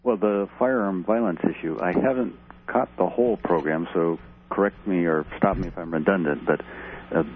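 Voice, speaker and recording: A man's voice: deep voice, moderate pace. A middle-aged man, an ER doctor and candidate, calling in to a talk radio show over the phone, earnestly laying out figures. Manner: earnest, steadily citing figures. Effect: heard over the phone. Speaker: caller, congressional candidate and ER doctor. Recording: tinny phone line with faint noise.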